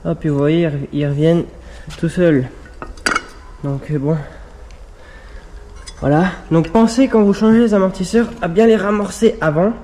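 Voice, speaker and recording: A man's voice: on the high side, fairly even intonation, moderate pace, pauses often, warm tone, slight background noise. A man casually explaining a car repair to his viewers, chatty and full of fillers, talking outdoors while it rains. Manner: chatty, filler-heavy, addresses viewers directly. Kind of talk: casual how-to vlog talk.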